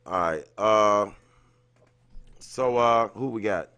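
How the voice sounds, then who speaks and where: This livestream host takes it slowly, his fairly low voice bright, forceful and clean, with no echo. He greets viewers in a casual, rambling way, frequently repeating his phrases, while music plays in the background.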